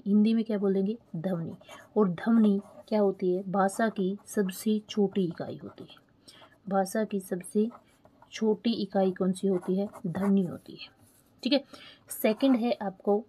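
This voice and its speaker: A woman teacher, explaining an exam lesson slowly, repeating key terms and asking checking questions. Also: medium pitch, warm tone, slightly rough. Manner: spells terms out letter by letter while writing. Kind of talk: online exam-prep lesson.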